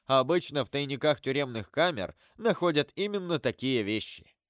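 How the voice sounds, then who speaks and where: Man playing a composed secretive nobleman, measured, slightly low, dry sound. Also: no room sound, close to an everyday voice. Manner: calm, measured, solemn.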